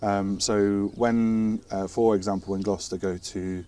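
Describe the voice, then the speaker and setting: A British man explains technical air traffic control work in an informal interview chat, hesitating and restarting words as he goes. His voice is low, mellow, and steady, at a measured pace. The mic is distant, with faint background noise and ambience.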